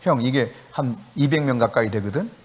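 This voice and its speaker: A male pastor preaching a sermon, telling a story with acted-out dialogue and sudden shouted commands. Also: mid-range voice, a little fast, long reverb tail. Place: church sanctuary.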